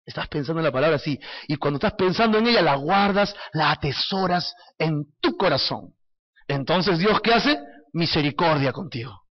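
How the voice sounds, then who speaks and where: A man leading a Bible study as a pastor, talking with his listeners in a lively, conversational way and answering his own questions. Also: on the high side, fairly quick, highs cut off. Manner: asks the audience questions and answers them.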